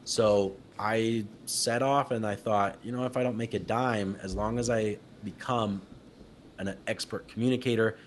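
A young adult man from Utah, a company founder as interview guest, telling his story in casual talk, lively and laughing often, acting out what people said. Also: lowish voice, unhurried, slight background noise. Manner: animated, laughs often, acts out quotes.

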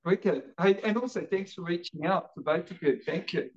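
A man in his late fifties with a New Zealand accent, a jiu-jitsu coach, chats casually as a podcast guest, telling animated stories full of energy and stammering repetitions. His voice sits high and moves at a normal speed, and the sound is lo-fi.

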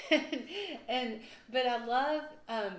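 A woman, co-hosting a casual Bible discussion, chatty and quick to laugh at herself. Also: a little high. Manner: chatty, laughs often, self-deprecating. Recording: echoey room with faint noise.

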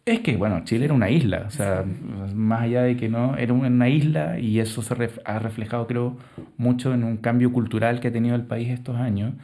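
A man's voice: mid-range voice, fairly quick, warm tone. A man from Mexico reflecting in an interview, speaking thoughtfully and hesitating as he chooses his words. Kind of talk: reflective testimony.

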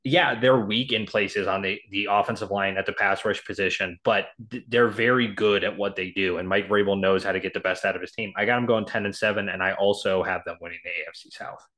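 This sports podcast co-host has a lowish, sharp voice with a steady tone, talking briskly with hardly any pauses. He casually offers predictions and spits out statistics, with lots of ums and restarts, all while hiccuping.

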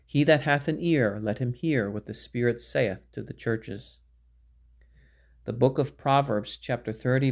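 A man reading scripture aloud in a measured, solemn way, phrasing archaic verse with care. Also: mid-range voice. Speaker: Bible reader.

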